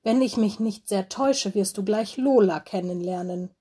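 A woman voicing a calm, friendly young male bear in a storybook reading. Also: mid-range voice, moderate pace, slightly rough, close to an everyday voice. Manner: easygoing, reassuring.

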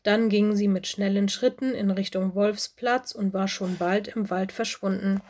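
A woman reads a children's story aloud in a calm, expressive voice. Her delivery stays steady and clear, as is typical for scripted storybook narration. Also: medium pitch, a little slow. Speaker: audiobook narrator.

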